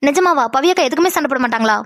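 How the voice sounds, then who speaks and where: A woman voicing female characters in a cartoon, brisk and chatty, often indignant. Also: sits high, lively intonation, fairly bright tone, no room sound, clean studio sound. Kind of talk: Tamil cartoon voice acting.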